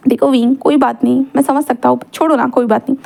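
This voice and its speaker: A woman voicing two wealthy young men who speak calmly and soothingly. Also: sits high, quick pace, creaky. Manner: soothing, easygoing. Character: calm, wealthy young male lovers.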